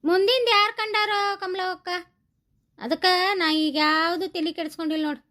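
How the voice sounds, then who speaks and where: A woman's voice: extremely high pitch, moderate pace, pushed and bright. A woman voicing a chatty, blunt middle-aged village woman in a comedy cartoon, with a North Karnataka Kannada accent. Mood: defensive. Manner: blunt, scolding, rustic. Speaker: cartoon voice actor.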